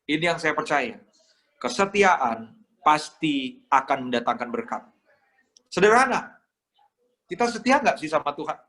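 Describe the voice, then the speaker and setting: A man's voice: fairly high pitch, sing-song, measured pace, pauses often, sharp tone. A young man from Indonesia preaching a sermon, telling stories with strong emotion and acting out pleading voices. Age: young adult. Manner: emotional, dramatic storytelling, acts out pleading voices. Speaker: pastor.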